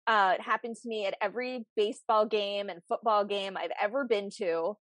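A woman from the United States hosting a podcast interview, chatting casually and telling stories in an animated way. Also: medium pitch, brisk, no room sound. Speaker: podcast host.

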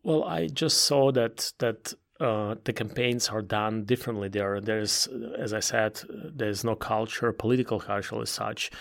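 A middle-aged man from Belarus with an Eastern European accent, explaining things as an interview guest in a halting way, repeating words as he searches for phrasing. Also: on the low side, steady tone, creaky, a bit bright. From Belarus, Ukraine and Russia. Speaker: interview guest, political campaign consultant.

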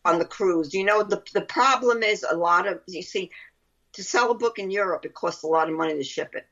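A woman's voice: mid-range voice, fairly quick, fairly bright tone. A woman with a Brooklyn accent chatting casually as an interview guest, rambling and often repeating her phrases. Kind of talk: casual chat. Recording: dull lo-fi line.

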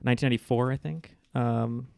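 A man's voice: medium pitch, fairly even intonation, brisk, gravelly, a little mellow, smooth, no room sound. A man with a middle-range voice chats and jokes casually on a trivia panel. He is recorded very dry and close. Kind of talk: casual joking chat.

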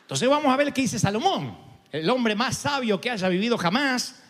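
A male pastor, preaching a sermon in an animated way and acting out quoted voices. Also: very high-pitched, moderate pace. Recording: long hall reverb.

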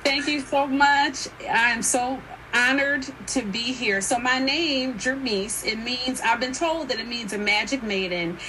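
A woman in her fifties, a radio guest telling a story in an earnest, expressive way. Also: on the high side, unhurried, few pauses. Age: 50s. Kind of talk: call-in radio talk. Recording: loud noisy line.

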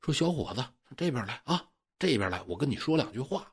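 Worried old farmer, voiced by a man, stammering, husky voice. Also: mid-range voice, very animated, fairly quick. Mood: fretful. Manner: exclaiming, stammering with worry. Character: old male farmer, anxious and good-hearted.

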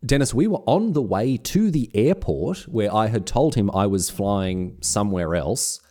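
An Australian man chatting on a podcast, his pitch sitting low but swinging widely as he tells a story. He restarts and repeats words as he goes, easygoing and conversational. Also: measured pace. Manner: animated storyteller, many restarts. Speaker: podcast co-host. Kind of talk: casual chat.

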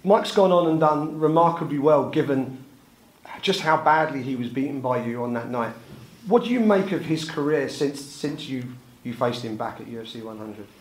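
A male sports interviewer asks long, detailed questions. His voice sits at an ordinary pitch. The room around him echoes noticeably. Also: moderate pace.

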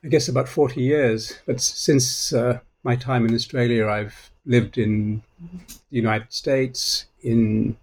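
A man in his sixties, originally from Malaysia, answering interview questions hesitantly with many pauses and restarts. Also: medium pitch, fairly even intonation, a little mellow. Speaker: guest author, political scientist.

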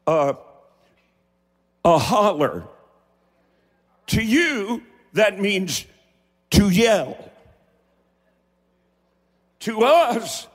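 A man with an Appalachian accent preaching a folksy, dramatic sermon with deliberate, theatrical emphasis and pauses. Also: high voice. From Appalachia, United States. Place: large hall, preaching to a congregation. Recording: echoing large hall with long reverb.

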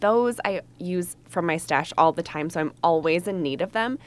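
A woman hosting a podcast in casual, cheerful chat, her voice deep and muffled from a cold. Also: lively intonation, moderate pace. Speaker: podcast host.

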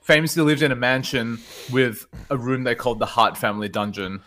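A man's voice: medium pitch, fairly even intonation, brisk, fairly bright tone. A man chatting casually as a guest on a podcast.

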